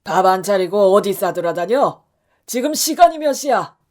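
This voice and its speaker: A woman voicing a domineering middle-aged husband who shouts and sneers at his wife in a radio story drama. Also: mid-range voice, animated, moderate pace, close to an everyday voice. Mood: yelling angrily. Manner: shouting, contemptuous.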